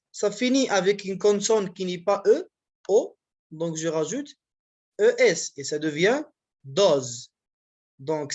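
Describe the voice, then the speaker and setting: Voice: medium pitch, a little mellow. A university language teacher, giving a grammar lesson in a patient, repetitive way and often checking that the class follows. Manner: patient, repetitive explaining with frequent check-ins.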